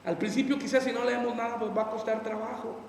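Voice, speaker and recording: A man's voice: very high voice, little pitch movement, quick pace. A man preaching a sermon as a pastor, acting out people's excuses in quoted voices. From Mexico. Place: church hall. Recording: echoey hall from far off, faint noise.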